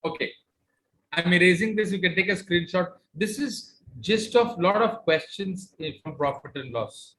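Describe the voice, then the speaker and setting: A man's voice: high voice, expressive, normal speed, fairly bright tone, low-quality recording. A man with a North Indian accent teaching an online maths class, explaining step by step and checking understanding as he goes. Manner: switches between Hindi and English, asks check questions.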